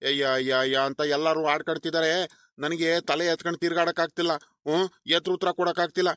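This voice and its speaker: A grumbling, scolding village landlord in a cartoon, voiced by a man, proud and easily offended. He talks with a high voice. The sound is close and dry. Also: little pitch movement, a little fast, a bit bright, clear, resonant tone, dry recording, close to an everyday voice. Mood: humiliated, brooding. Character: proud grumpy middle-aged male village landlord.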